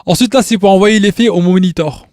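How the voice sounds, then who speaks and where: A high-pitched, slightly mellow male voice moves a little fast in a clean studio recording with no room sound. The tutorial maker explains informally, step by step, with frequent restarts, repeated words, and check-ins with the viewer.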